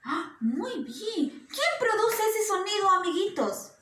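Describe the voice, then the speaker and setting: A woman giving a slow, coaxing lesson to small children, asking them questions again and again in a sing-song way. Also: sits high, big pitch swings, heavy background noise. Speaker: preschool teacher. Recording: roomy echo.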